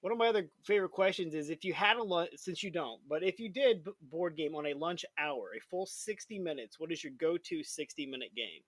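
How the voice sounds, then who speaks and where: A man's voice: a little high, animated, brisk, few pauses, a bit bright, dry recording. A man hosting a podcast interview, friendly and laughing often. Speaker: podcast host. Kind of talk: casual interview chat.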